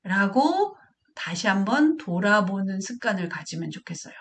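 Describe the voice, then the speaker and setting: A woman's voice: medium pitch, very animated, moderate pace. A middle-aged woman lecturing parents as a counselor. She asks questions and answers them herself. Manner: acts out quotes of parent and child in a raised voice.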